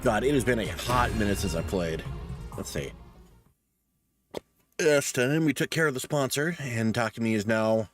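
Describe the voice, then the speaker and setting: A man's voice: medium pitch, lively intonation, moderate pace, long pauses, faint music behind. A man hosting a let's play, casually commenting with sweary, wry asides and reading game text aloud.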